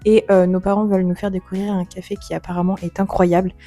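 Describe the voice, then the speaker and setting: Young woman booktuber rambling about her reads, mellow voice, faint music behind. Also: medium pitch, little pitch movement, fast talker. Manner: chatty, with many fillers and self-corrections. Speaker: book vlogger. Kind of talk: casual chat to camera. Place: holiday home on vacation.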